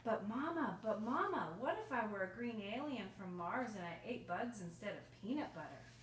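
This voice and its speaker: A woman's voice: mid-range voice, animated, normal speed, natural voice. A woman voicing a small, imaginative storybook child who asks questions in an eager, insistent way. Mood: pleading, curious. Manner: eager, pleading, exaggerated questioning. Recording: roomy, distant mic, faint noise.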